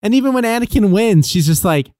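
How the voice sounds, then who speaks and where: A man co-hosting a casual film review podcast, talking in an animated, sarcastic way and laughing often. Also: high voice, quick pace, dry recording, clean studio sound. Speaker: podcast co-host.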